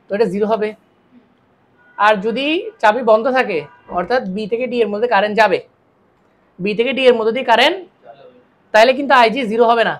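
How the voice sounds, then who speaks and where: A woman's voice: a little high, quick pace, pauses often. A woman teaching a physics lecture, tired, and asking the class questions that she then answers herself. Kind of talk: classroom lecture solving circuit problems.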